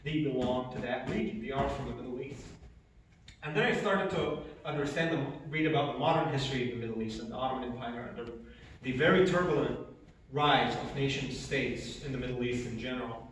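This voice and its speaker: A man's voice: mid-range voice, fairly bright tone, slight background noise. A man, giving an earnest personal testimony with emphatic repetitions. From Egypt. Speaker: speaker. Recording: echoey hall from far off.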